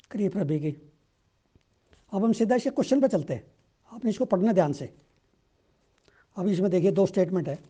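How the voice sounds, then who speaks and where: Dark-voiced Indian man teaching exam prep. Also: high voice. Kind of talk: explaining current-affairs exam questions.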